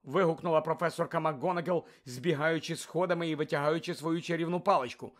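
A man's voice: a little high, fast talker. Man reading a story aloud. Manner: lively storytelling, voices each character. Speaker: audiobook narrator. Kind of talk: scripted narration.

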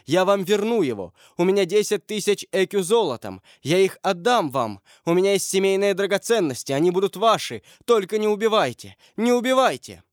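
A man's voice: a little high, a little fast, a little mellow, no room sound, studio quality, close to an everyday voice. A man reading an audiobook, voicing an old moneylender who pleads and bargains. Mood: imploring. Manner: imploring, pleading. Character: old fearful Parisian moneylender, begging.

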